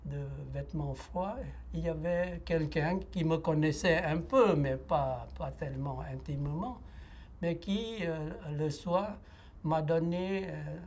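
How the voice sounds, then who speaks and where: Slow, hesitant man. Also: fairly high pitch, darkish tone, a little hiss or hum. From Laos. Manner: hesitant, with frequent pauses and filler sounds. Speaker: interviewee giving a personal testimony. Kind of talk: reflective testimony interview.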